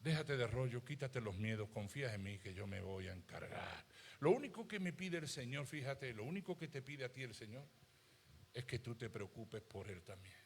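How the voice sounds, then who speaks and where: A man preaching a sermon as pastor, passionate, swinging from loud exclamations to hushed asides. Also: mid-range voice, animated, moderate pace, a little hiss or hum. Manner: acts out worried voices of doubters.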